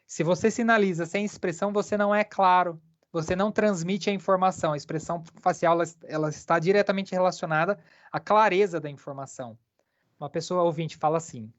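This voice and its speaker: An interpreter voicing a deaf lecturer live, speaking haltingly with many filler pauses. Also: mid-range voice, muffled recording.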